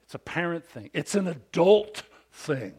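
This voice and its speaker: A pastor in his fifties preaches a sermon to fathers with big, animated energy, asking the congregation for amens. His fairly high voice has a breathy edge, and he keeps a measured pace.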